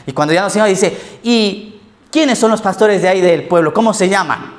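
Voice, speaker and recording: A pastor with a high-pitched voice talks a little fast as he preaches at a church service. His sermon leans on funny, self-deprecating stories from his own life, mixed with laughter.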